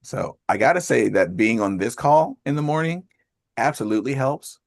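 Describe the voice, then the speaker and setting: A man hosting a group video call, talking fast in a casual way and laughing often. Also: mid-range voice, expressive, gravelly, no room sound, studio quality. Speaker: call host.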